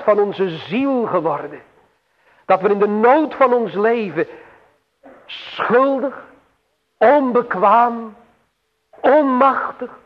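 Male preacher, unhurried and solemn, echoing church-hall reverb. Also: high voice. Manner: slow, solemn preaching with emphatic swells and long pauses. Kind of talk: sermon. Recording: tinny phone-like radio broadcast with long hall reverb.

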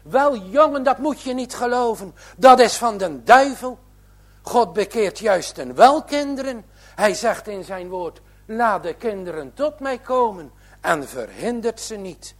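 Devout old grandma, earnest and preachy, husky slow voice, as a man reads her. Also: sits high, big pitch swings, voice pushed up, heavily acted. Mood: stern admonishing. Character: devout elderly grandmother, gentle but stern.

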